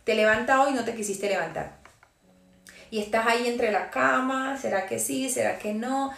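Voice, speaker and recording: Woman preaching a sermon, kinda high voice, echoey room, soft music under it. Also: moderate pace, vocal fry. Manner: fervent, voicing the Lord's words in quotes.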